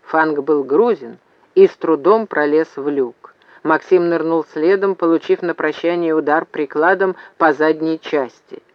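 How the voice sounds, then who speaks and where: A man reading an audiobook as narrator in a steady storytelling way. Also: a little high, a little slow, no echo. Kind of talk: scripted narration. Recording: slightly muffled dry recording.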